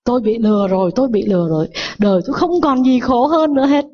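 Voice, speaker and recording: A woman's voice: fairly high pitch, fast talker, muffled recording, lightly acted. A woman voicing a rich old man who wails over his lost fortune. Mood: wailing. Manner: sobbing, wailing lament.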